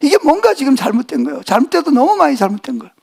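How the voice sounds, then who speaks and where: High-voiced man preaching, call and response. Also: very animated, very fast, gravelly, darkish tone. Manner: call-and-response preaching, asking the congregation questions; folksy, joking and blunt. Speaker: pastor. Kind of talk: sermon.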